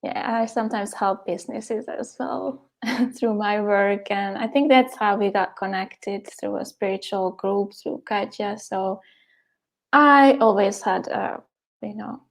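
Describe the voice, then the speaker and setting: A woman's voice: medium pitch, vocal fry. A woman from Hungary, a poet and guest, chatting casually in an interview over a video call and laughing often.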